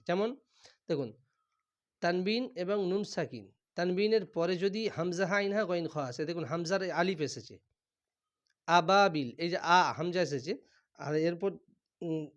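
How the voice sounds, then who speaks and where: A man's voice: sits high, muffled recording. Patient man teaching Quran recitation. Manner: patient, repeats each syllable slowly; clears his throat often. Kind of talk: recitation class, spelling out letters.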